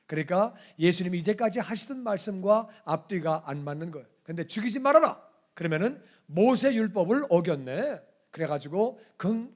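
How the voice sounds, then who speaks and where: A male pastor giving a sermon, telling the story with animated delivery, acting out the voices in it and putting questions to the congregation. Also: high voice.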